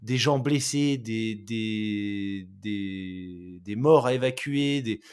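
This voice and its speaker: A man's voice: fairly low pitch, drawn-out words, darkish tone, clean tone. A man hosting a podcast, asking hesitant questions full of fillers. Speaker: podcast host. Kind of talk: interviewing.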